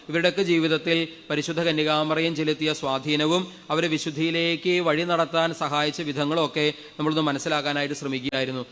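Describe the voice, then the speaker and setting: Fast-preaching priest in a reverberant hall. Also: male voice, a little high. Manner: fervent, leads congregation in loud hallelujahs. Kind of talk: sermon storytelling.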